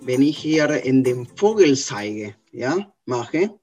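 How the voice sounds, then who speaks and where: A man's voice: mid-range voice, very animated, takes it slowly, darkish tone, soft background music. A man in his fifties from Argentina with an Argentine Spanish accent, a street mime giving an interview, earnestly searching for words. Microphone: video call.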